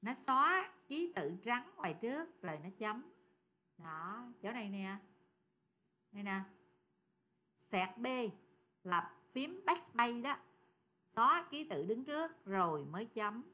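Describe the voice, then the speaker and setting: Woman, coding teacher, chatty, asks questions, bright tone. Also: a little high, very animated, slow pace, long pauses. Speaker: programming teacher. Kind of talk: screen-recorded coding lesson.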